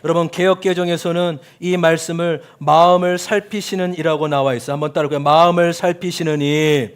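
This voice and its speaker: A man preaching a sermon as pastor, talking straight to the congregation with questions and calls to say amen, his voice swinging from loud cries to soft asides. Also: fairly high pitch, clean tone.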